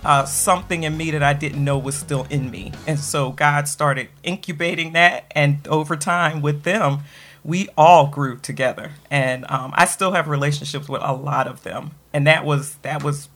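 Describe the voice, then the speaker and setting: A middle-aged woman, a guest author on a radio interview, telling a personal story in an animated way and acting out the voices of people she quotes. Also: deep voice, moderate pace, soft background music.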